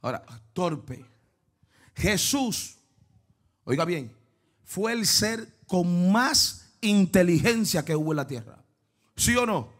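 A man preaching a fervent sermon, dropping to hushed asides and then breaking into shouts while he quizzes the congregation. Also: high-pitched, big pitch swings, slow, pauses often. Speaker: pastor. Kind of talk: lively Pentecostal sermon.

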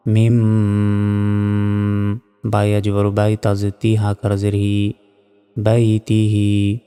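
A man patiently spells out Arabic syllables one by one, then chants each word whole. His voice is dark, mellow and smooth. It sounds like a long-reverb hall, with faint music underneath. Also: lowish voice. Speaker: Quran reading teacher. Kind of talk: slow letter-by-letter Quran spelling lesson.

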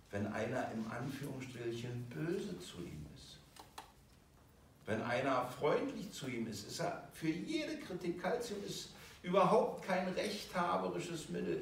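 A man's voice: on the high side, gravelly, a little hiss or hum. A man teaching a video course. He gives an emotional lecture and acts out the voices he quotes. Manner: animated, acting out quoted voices. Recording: very echoey room from far off.

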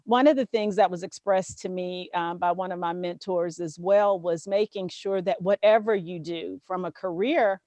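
A woman's voice: on the low side, steady tone, normal speed, hardly any pauses, mellow, dry recording. A woman with a Southern US accent interviewing a guest in a casual, affirming way, with many fillers. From Southern US, Louisiana bayous.

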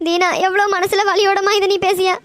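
A woman voicing a shrill, stubborn cartoon mother. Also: level tone, fairly quick, fairly bright tone, dry recording, studio quality. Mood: hurt insistence. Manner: pleading, argumentative, insistent. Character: upset middle-aged mother, stubborn and grieving. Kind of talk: cartoon voice acting.

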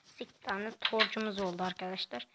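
A woman giving casual, quiet gameplay commentary in a soft, halting way. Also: medium pitch, fairly even intonation, heavy background noise. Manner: talks quietly and softly; halting, hesitant delivery. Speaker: gaming channel host.

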